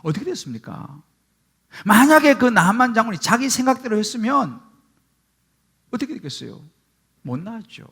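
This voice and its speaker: This middle-aged man is a pastor from Gyeongsang, Korea, delivering a sermon at a moderate pace with long pauses. His voice is very high with a breathy edge, and he brings his stories to life by performing the quoted speech.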